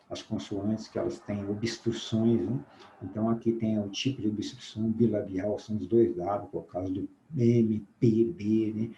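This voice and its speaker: A male teacher with a Brazilian Portuguese accent giving a recorded class, patiently explaining and sounding out letters slowly to demonstrate. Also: fairly low pitch, creaky, warm tone, roomy sound, a little hiss or hum, low-quality recording.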